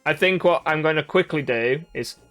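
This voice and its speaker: Male co-host at the controls, smooth, slightly high, relaxed and joking. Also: normal speed, faint music behind. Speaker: let's play co-host playing the game. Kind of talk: casual game commentary.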